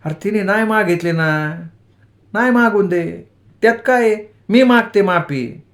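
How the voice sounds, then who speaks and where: A man's voice: sits high, lively intonation, a little slow, fairly bright tone, voice pushed up, exaggerated voice. A man voicing an affectionate rural mother who scolds tenderly in village dialect, in a storytelling audiobook. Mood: coaxing, tender. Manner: coaxing, chiding village dialect.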